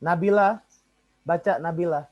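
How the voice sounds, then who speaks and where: A man's voice: fairly high pitch, a little slow, dry recording, dull audio. A man, a lecturer teaching an online class and calling on students by name.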